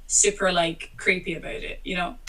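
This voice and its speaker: Guest, woman, bright voice heard from a distance on a call, rambling with many fillers. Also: on the low side, level tone, moderate pace. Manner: rambling, lots of fillers and repeated words. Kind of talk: casual conversation.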